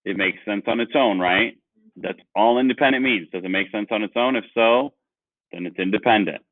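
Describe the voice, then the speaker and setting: A man's voice: on the low side, a little fast, no room sound. A male teacher leading an online grammar lesson, explaining patiently and asking the class questions. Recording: dry, phone-like sound.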